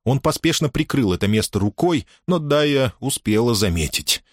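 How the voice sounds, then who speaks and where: A man reading a novel aloud as an audiobook narrator, in a steady, measured storytelling manner. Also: medium pitch, no echo, studio quality.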